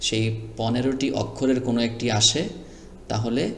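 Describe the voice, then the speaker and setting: A man's voice: mid-range voice, little pitch movement, normal speed, a bit bright, a little hiss or hum. A man teaching Quran reading, spelling out letters and vowel marks one by one and asking the learner to repeat after him. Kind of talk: slow spelled-out recitation lesson. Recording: echoey room with long reverb.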